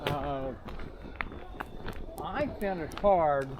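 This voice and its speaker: A man's voice: on the high side, very slow, background noise. A man talking casually with his companions as a visitor on an outing. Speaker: tour visitor. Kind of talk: casual chat.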